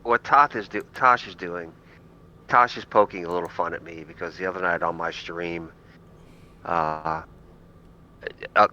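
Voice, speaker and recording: A man with a very low but sharply bright voice talks earnestly in a casual podcast chat. He restarts his sentences often. The sound is dull and lo-fi, with faint hiss behind him. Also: steady tone, unhurried, long pauses. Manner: explains himself earnestly, with many restarts. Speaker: podcast guest.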